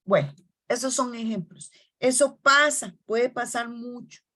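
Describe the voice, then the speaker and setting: A woman preacher giving a sermon, telling personal stories in a soft storytelling manner and slowing down on key phrases. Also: fairly high pitch.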